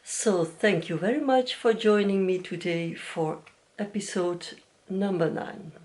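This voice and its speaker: Recorded on a camera mic, this casual video chat comes from a knitting podcast host from Belgium, a native Dutch speaker. She talks softly and slowly in a mid-range voice, gentle but slightly nervous, often hesitating, using fillers and making small restarts.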